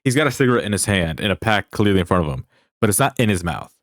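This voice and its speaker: Lively low-voiced young man bantering. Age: young adult. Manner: quick, bantering retorts. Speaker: podcast co-host. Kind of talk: casual music review chat.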